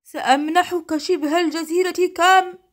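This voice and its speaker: A woman voicing a boastful, angry male genie in a bottle, shouting and begging in a storybook reading. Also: high voice, normal speed, pitched above the performer's own voice, natural voice. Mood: pleading. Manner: shouting, pleading.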